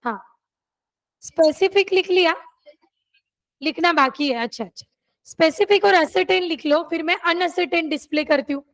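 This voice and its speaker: A woman's voice: very high voice, moderate pace, long pauses. A woman law teacher, dictating notes in a classroom and checking that students have written them down.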